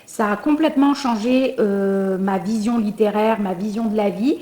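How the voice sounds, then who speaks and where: A woman's voice: medium pitch, normal speed, warm tone, slight background noise. A woman with a lisp and slushy s sounds gives an informal book recommendation, speaking in a hesitant, conversational way with emphatic moments. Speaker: book reviewer presenting novels. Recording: roomy, echoey sound.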